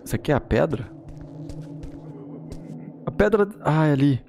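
A man's voice: a little high, lively intonation, normal speed, gravelly, darkish tone, faint music behind. A man with a Brazilian accent giving casual, slangy let's-play commentary as a gaming host, reacting and swearing as he goes.

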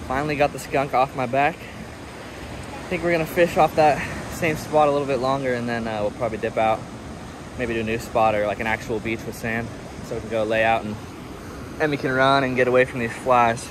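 A man's voice: medium pitch, background noise. A man narrating a casual vlog in a laid-back, slangy, chatty way. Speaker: vlogger.

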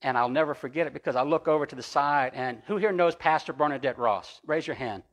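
A man with a fairly high voice delivers a sermon from the pulpit of a church sanctuary. He tells stories in an easygoing, conversational way and often restarts his sentences. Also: fast talker. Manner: storytelling, conversational, with repeated restarts. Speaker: pastor.

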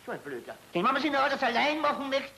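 A man's voice: extremely high pitch, very animated, racing, vocal fry, sharp tone, slight background noise, exaggerated voice, poor audio. An actor playing a fretful man who rambles and stammers, in 1930s film comedy style. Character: fussy flustered Austrian man, anxious about travel.

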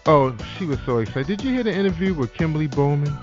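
A man hosting a casual online radio talk show, animated, with lots of shout-outs and "that's right". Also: on the high side, fast talker. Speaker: podcast host. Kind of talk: casual internet radio chat. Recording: dull lo-fi sound with faint music.

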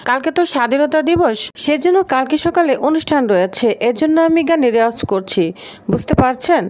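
A woman's voice: sits high, animated, fairly quick, a little mellow, no echo. Brief: timid young man, fearful and polite; voiced by a woman. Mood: nervous. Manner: nervous, fearful.

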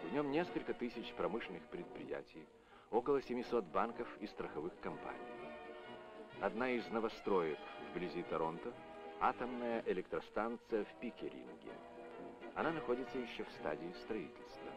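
A man reading formal scripted narration in a measured official tone, as an old Soviet newsreel voice-over. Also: lowish voice, sing-song. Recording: dull lo-fi old film soundtrack with music. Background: music.

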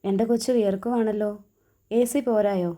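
A woman voicing a hot-tempered, teasing young husband in a storybook reading, in a gruff, bantering way. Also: medium pitch, steady tone, normal speed, mellow, natural voice.

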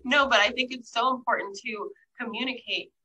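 A woman's voice: a little high, brisk, bright, forceful tone, a little hiss or hum, low-quality recording. A woman hosting a podcast, speaking in a reflective, affirming way as she responds to her guest. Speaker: podcast host. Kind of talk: casual podcast conversation.

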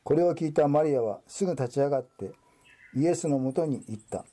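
A man giving a steady, formal Bible reading in Japanese. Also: a little high, a little fast. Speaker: scripture reader.

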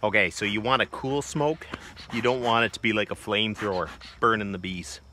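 A homesteading vlogger in his forties talks a little fast in a lowish voice as he gives a plainspoken how-to demonstration in a wooded bee yard. His casual talk is full of loose fillers. The phone camera is held close, and the background is noisy with crickets and insects.

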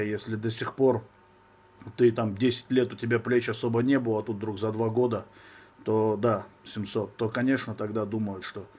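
A man's voice: mid-range voice, a little mellow. A man in his thirties with a slushy, lisping s from braces, chatting casually and bluntly as a fitness coach answering viewers on a live stream. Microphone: phone at arm's length.

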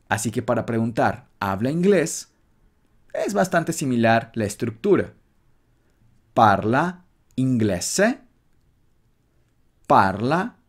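A man's voice: mid-range voice, a little mellow. A man teaching a beginner language lesson, patiently repeating phrases for the listener to copy. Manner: patient, slow and repetitive, drills phrases.

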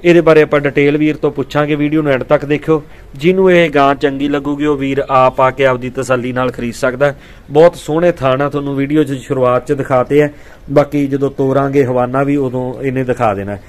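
Outdoors on a farm, a dairy vlog host gives viewers a friendly, casual walkaround of a cow for sale. His mid-range voice is steady and a little fast.

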